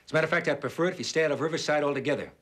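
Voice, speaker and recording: An actor as a stern, lecturing doctor. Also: male voice, a little high, very fast, fairly bright tone, close to an everyday voice. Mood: impatient. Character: stern male hospital doctor, strict and cold. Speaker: actor in a TV drama. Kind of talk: daytime soap acting.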